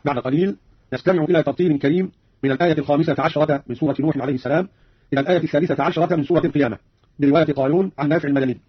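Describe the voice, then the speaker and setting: A man with a slightly raised, husky voice reads formal notes on Quran recitation at a very fast pace. He enunciates each word clearly. The sound is dry and muffled, like an old radio broadcast. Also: a little high, dry recording. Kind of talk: formal scripted explanation.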